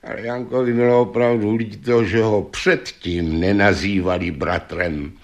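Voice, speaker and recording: A man reading a fairy tale aloud as storyteller, with lively, shifting delivery. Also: on the low side.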